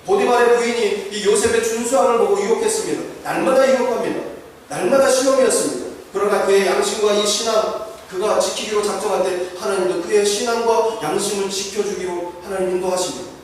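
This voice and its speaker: High-voiced pastor preaching in an echoey hall. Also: male voice, brisk, recorded from a distance, a little hiss or hum. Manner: preaching with rising, fervent emphasis. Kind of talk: sermon. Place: church sanctuary. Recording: echoey church hall, voice from afar.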